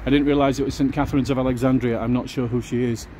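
A man's voice: mid-range voice, flat delivery, racing, mellow. A man giving a casual walking-tour commentary outdoors, musing aloud with fillers. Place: outdoors on a city street. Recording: outdoor street noise behind.

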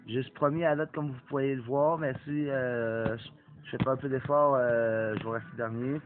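This gaming YouTuber, a young Québécois speaker nursing a cold, keeps a medium pitch, fairly even intonation and moderate pace while casually commenting on a mobile racing game. He lets out some swearing and apologizes, recorded in lo-fi phone-like sound with a faint hiss.

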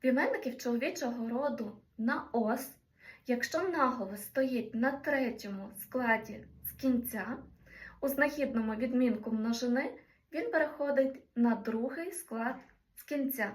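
A woman explains grammar patiently, pausing to spell out each example slowly and clearly. Her voice sits a little high, and the recording picks up the room with her set back from the mic. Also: roomy sound, recorded from a distance. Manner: slow, careful spelling-out of Greek examples. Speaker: Greek language teacher.

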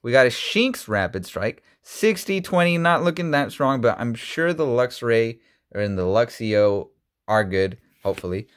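A man in his thirties chatting casually as he opens trading card packs, rambling with many ums and restarts, his voice jumping high when surprised. He talks from an indoor room on a webcam and desk mic. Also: very animated, a little slow, clear, resonant tone. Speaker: YouTuber opening card packs. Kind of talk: casual card-opening vlog.

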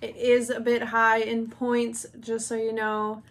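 An American woman in her thirties, unhurried, with a voice on the high side and a completely flat delivery, tastes snacks with a co-host in a casual chat. She's chatty and enthusiastic, talking between bites, in an indoor room before a glitter backdrop.

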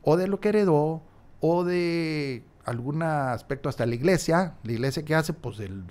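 This podcast guest has a fairly high, a little mellow voice, expressive and at normal speed. In a relaxed interview he goes on at length, plays out small dialogues and repeats key phrases to stress them. The setting is a small room with a large stand-mounted studio mic and headphones.

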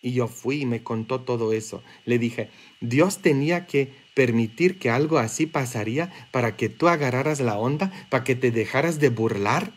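A priest with a Mexican Spanish accent and a mid-range voice preaches a sermon. He keeps it joking and conversational, tossing in quick asides.

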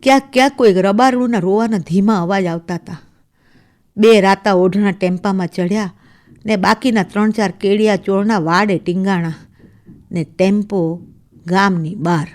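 A woman reading a first-person short story aloud in a steady, measured storytelling voice for a radio serial. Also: medium pitch. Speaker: story reader.

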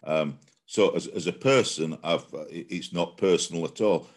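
A man's voice: deep voice, moderate pace, breathy edge. A man co-hosting a casual football chat over a video call, blunt and emphatic, often stammering as he starts a sentence. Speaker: co-host.

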